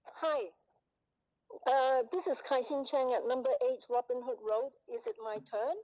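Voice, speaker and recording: A woman's voice: sits high, a little slow, a little mellow. A woman speaking over a speakerphone held up to a microphone, giving a formal but hesitant statement as a neighbor at a public hearing. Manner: hesitant, with many fillers and restarts. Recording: muffled speakerphone sound through a microphone.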